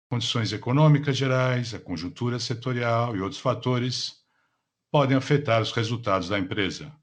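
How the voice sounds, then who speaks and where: Low, husky Brazilian man, customer service manner. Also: fairly bright tone. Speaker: conference call operator. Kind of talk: scripted announcement.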